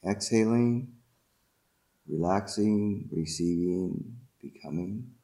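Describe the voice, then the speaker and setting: Male meditation guide, lowish pitch, very slow ceremonial delivery with short, deliberate phrases. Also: dark tone.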